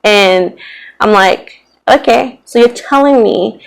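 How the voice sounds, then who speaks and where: A woman's voice: on the high side, slow pace, creaky, smooth, low-quality recording. A woman doing a casual tarot reading to camera, talking in a rambling, chatty way full of fillers. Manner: rambling and chatty, heavy on "like" and "you know". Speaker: tarot reader.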